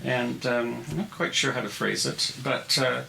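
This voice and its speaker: A man interviewing an artist, putting his questions in a halting, tentative way. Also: mid-range voice, gravelly. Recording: roomy echo, faint noise.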